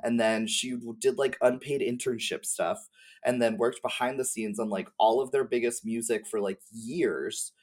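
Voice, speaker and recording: Speaking at a moderate pace in a steady, medium-pitched voice with a touch of mellowness, a man on a podcast drifts through an informal chat about game lore. His talk is slangy, hedged and meandering.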